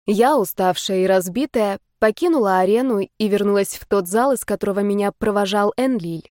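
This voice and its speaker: A woman reading a first-person audiobook in a steady, even storytelling manner. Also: mid-range voice, normal speed, dry recording, clean studio sound. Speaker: audiobook narrator.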